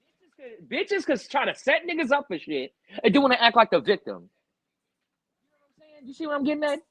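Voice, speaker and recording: A young man hosting a podcast, telling a story in a loud, profane rant and acting out what people said. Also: extremely high pitch, fairly quick, no room sound, poor audio. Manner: animated, profane, loud outbursts acting out quotes. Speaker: podcast host.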